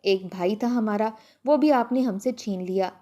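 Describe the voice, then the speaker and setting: A woman's voice: mid-range voice, dark tone, natural voice. Woman reading as an outspoken, wounded daughter. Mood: indignant. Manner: indignant, tearful.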